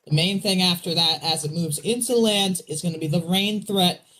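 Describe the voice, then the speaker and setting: A man's voice: sits high, normal speed, sharp tone, rough recording. A man co-hosting a weather livestream with casual, conversational live commentary and plain explanations.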